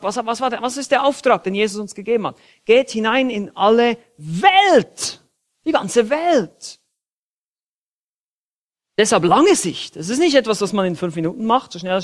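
Emphatic German preacher, high voice. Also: male voice. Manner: emphatic preaching with dynamic shifts in loudness. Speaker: pastor. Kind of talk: sermon.

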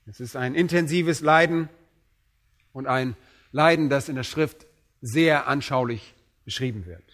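A man preaching a sermon, quoting scripture with slow, emphatic weight and dropping low on solemn phrases. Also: a bit bright. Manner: emphatic, slows down and raises voice on quoted scripture.

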